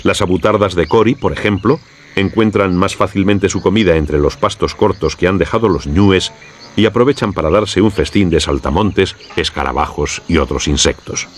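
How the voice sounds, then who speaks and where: A man with a Castilian Spanish accent reads scripted nature documentary narration in a measured, formal storytelling way. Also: low-pitched. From Spain. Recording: clear background noise with insect ambience.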